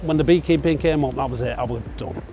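An older man, a volunteer being interviewed outdoors, talking in a plain, soft-spoken way. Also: mid-range voice, fast, over music. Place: outdoors, garden. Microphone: lapel.

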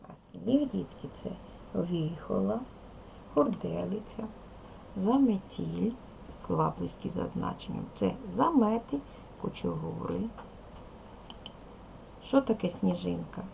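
Woman, Ukrainian accent, primary teacher, video lesson, slow patient delivery, very gravelly voice. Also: fairly low pitch, lively intonation, mellow, a little hiss or hum, poor audio. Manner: slow, patient, addressing children directly. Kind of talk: video lesson for young pupils.

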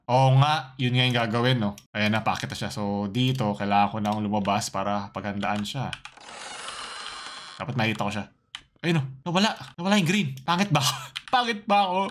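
A man's voice: mid-range voice, slight background noise. A young Filipino man giving playful, jokey commentary while playing a horror game, bursting into yelps. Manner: jokey, talks to the game, sudden screams. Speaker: gaming YouTuber.

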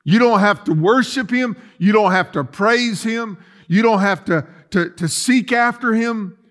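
A man's voice: high voice, unhurried, a bit bright. A middle-aged man preaching a sermon as pastor, emphatic and full of rhetorical questions and repetition, recorded in a church sanctuary. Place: church sanctuary, empty chairs.

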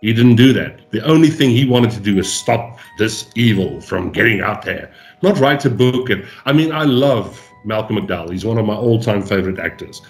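A man's voice: on the low side, animated, moderate pace, few pauses, soft background music. A man, a podcast co-host, talking in a casual, blunt and opinionated way with some swearing, over a video call. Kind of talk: casual chat.

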